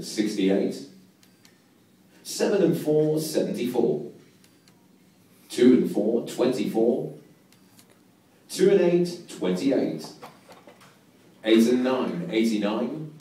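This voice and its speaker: A man's voice: medium pitch, mellow. Echoey, sing-song young male bingo caller. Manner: sing-song number calls repeated in set patterns. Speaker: bingo caller, show host. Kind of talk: bingo calling. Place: large bingo hall, indoors. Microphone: handheld mic over hall speakers, filmed from nearby. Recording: echoey hall PA, far from the mic.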